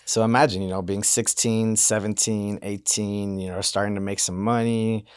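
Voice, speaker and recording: A man in his thirties from Miami, a podcast guest, telling his life story in a relaxed, rambling way with lots of fillers. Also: fairly low pitch, moderate pace, clean tone, dry recording, clean studio sound. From Miami, Florida. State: banged up from hockey. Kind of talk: casual interview talk.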